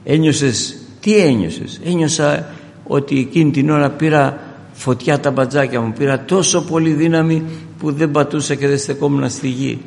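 A man preaching a sermon, moving from quiet storytelling to loud, fervent appeals. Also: on the high side, gravelly, in a large hall, slight background noise.

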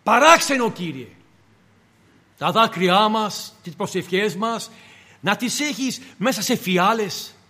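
A man delivers an impassioned sermon in a high-pitched voice. He piles up rhetorical questions and takes on the voices of both the Lord and the believer. His words ring out with a long reverb in a church hall. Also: animated, pushed and bright, husky. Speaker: preacher.

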